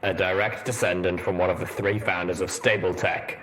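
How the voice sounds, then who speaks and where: During a story reading, a man gives a deep, rumbling voice to a stern, suspicious pony soldier in armor, delivered in a wry, deadpan way at normal speed. The mood is wry suspicion, and a slight hiss or hum is audible.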